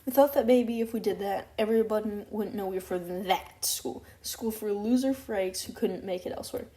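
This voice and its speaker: A woman's voice: medium pitch, normal speed, dark tone. A woman narrating a first-person audiobook, reading aloud with occasional stumbles and restarts.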